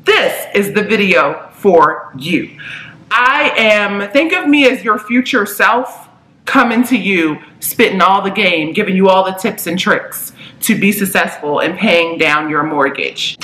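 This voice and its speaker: A woman's voice: medium pitch, sharp tone, echoey room, rough recording. A woman in her thirties vlogging about personal finance in a chatty, upbeat way, full of slang and asides. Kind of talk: casual chat to camera.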